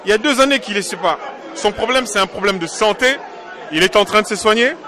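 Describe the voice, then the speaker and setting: Emphatic high-voiced man from Congo. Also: brisk, a crowd in the background. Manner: emphatic, insistent, repeats his points. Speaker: diaspora political activist. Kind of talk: interview answers.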